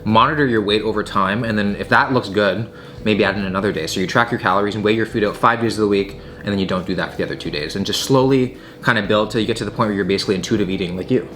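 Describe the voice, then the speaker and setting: A young man hosts a casual Q&A chat, answering viewer questions while tasting food, talking informally with plenty of filler words and emphatic phrasing. His voice is on the low side and a bit bright, and he races along.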